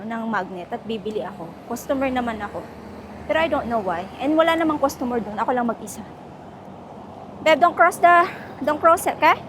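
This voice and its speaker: A woman's voice: on the high side, background noise. A young woman, chatting casually in a travel vlog, switching between Tagalog and English and laughing often as she walks city streets. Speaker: travel vlogger.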